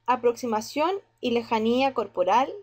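A woman teacher reading a scripted educational narration in measured, didactic phrases. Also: on the high side, a little mellow.

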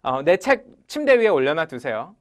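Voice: medium pitch, normal speed. A teacher leading an English lesson in front of a class, calling out phrases for the room to repeat and praising their answers. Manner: energetic, calls out drills and repeats phrases loudly. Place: lecture room with a live audience.

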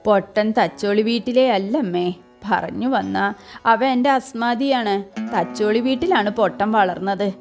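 A man's voice: high voice, normal speed, vocal fry, soft background music. A woman reading the part of a sly middle-aged male servant who pleads plaintively, feigning grief. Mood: pleading.

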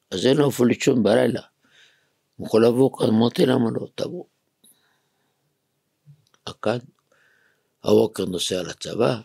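Dramatic rabbi preaching, shouts to whispers. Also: male voice, on the low side, gravelly, husky, no echo, clean studio sound. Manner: asks the listeners rhetorical questions. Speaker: rabbi and yeshiva head. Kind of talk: weekly Torah portion sermon.

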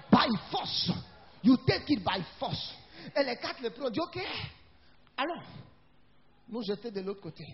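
High-pitched shouting preacher man. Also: a little hiss or hum. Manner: fervent, shouting, repeating phrases, calling out alleluia. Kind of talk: charismatic sermon. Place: church service. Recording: dull lo-fi church recording.

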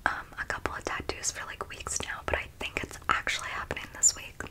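A woman in her twenties hosting ASMR personal attention as whispered role-play, whispering close to the microphone with soft, tingly mouth sounds. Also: a little fast. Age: 20s. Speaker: ASMR host. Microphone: close microphone, intimate framing.

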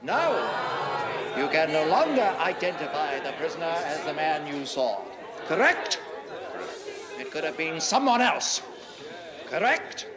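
An actor playing a shrewd male defense barrister in a period film, questioning a witness with mock politeness that rises to loud demands. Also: medium pitch, lively intonation, normal speed, crowd noise, close to an everyday voice. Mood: triumphant.

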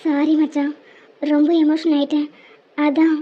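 A woman's voice: sits high, monotone, normal speed, natural voice. Woman voicing a tearful young cartoon heroine. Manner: soft, pleading. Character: young woman, gentle and heartbroken. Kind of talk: cartoon voice acting. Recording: dull lo-fi sound.

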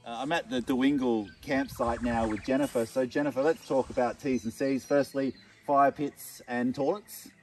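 A man in his thirties with an Australian accent hosts an upbeat outdoor vlog from a riverside bush camp, chatty and enthusiastic and fond of saying "mate." His medium-pitched voice is fairly even, at a moderate pace with hardly any pauses. A camera mic a few metres away catches him along with soft background music and faint outdoor noise.

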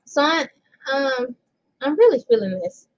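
A woman's voice: sits high, lively intonation, a little slow, highs cut off. A woman vlogging in a casual, rambling way, chatting and reading an article aloud indoors. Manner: rambling and chatty, laughs often. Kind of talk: casual chat. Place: indoors under bright lights.

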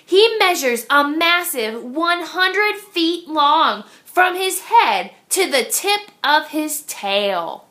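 A woman reading a rhyming picture book aloud to young children in an expressive, deliberate, sing-song manner. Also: high voice.

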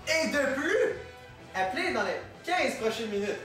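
A man's voice: extremely high pitch, big pitch swings, measured pace, fairly bright tone, exaggerated voice. A young man with a Quebec French accent playing an eager grandson hosting an infomercial. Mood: upbeat selling. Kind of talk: parody infomercial presenting. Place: home kitchen, far camera. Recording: echoey kitchen, distant camera mic, music.

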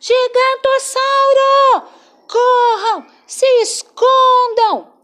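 Cheeky boy dinosaur in a children's storybook, high and shrill, slow drawn-out yells; woman performs. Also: fairly even intonation, heavily acted. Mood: shouting alarm. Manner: shouting alarm. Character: boastful little boy dinosaur, prankster.

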